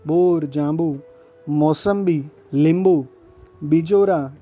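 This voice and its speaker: A man reading a devotional scripture text aloud as narrator, in a gentle, steady recited delivery. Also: fairly high pitch.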